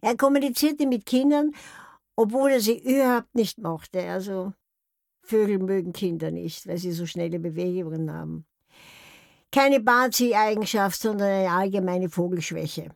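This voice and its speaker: An older woman recounts memories from her life in a wry, anecdotal manner. Her voice sits at a middle pitch, recorded close and dry with no room sound. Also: normal speed, creaky, dry recording. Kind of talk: memoir storytelling.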